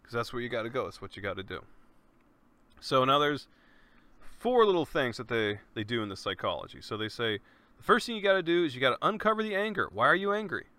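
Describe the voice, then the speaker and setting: A man's voice: medium pitch, very animated, fast talker, sharp tone, dry recording. A man hosting his own podcast in a casual, earnest monologue, talking loosely and often saying "man". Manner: laid-back, earnest, peppers speech with "man" and swearing. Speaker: podcast host.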